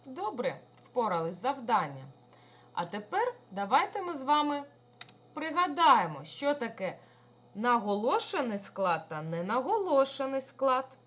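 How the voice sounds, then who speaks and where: A woman's voice: fairly high pitch, big pitch swings, measured pace, fairly bright tone. A woman primary school teacher giving a recorded lesson to young children, talking in an affectionate, sing-song way.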